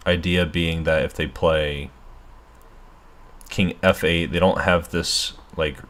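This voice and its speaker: A man's voice: deep voice, steady tone, slow pace, a bit bright. A man thinking aloud through a chess game as a streamer, muttering asides while losing his voice. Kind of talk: casual live game commentary.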